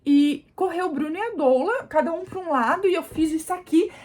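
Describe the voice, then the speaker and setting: High-voiced animated woman vlogger. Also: fairly quick. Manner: animated, addresses viewers as "gente", demonstrates positions. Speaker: vlogger, new mother. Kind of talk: casual storytelling to camera.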